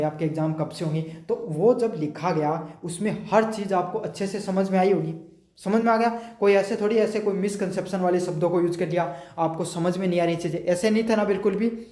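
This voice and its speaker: A man teaching exam prep. He reads English notes slowly, then explains in quick, chatty Hindi and keeps checking that students have understood. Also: sits high, dark tone. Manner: keeps asking "समझ में आ गया?". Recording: echoey room.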